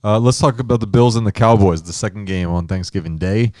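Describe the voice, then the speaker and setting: Low-voiced man in a dry sports chat. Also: fairly even intonation, brisk, a little mellow, dry recording. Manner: laughing, joking, recaps scores. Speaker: podcast co-host.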